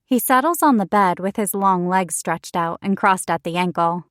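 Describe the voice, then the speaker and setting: A woman reading a first-person romance audiobook in an expressive, wry storytelling manner, recorded close on a studio mic. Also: lowish voice, moderate pace, no room sound. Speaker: audiobook narrator.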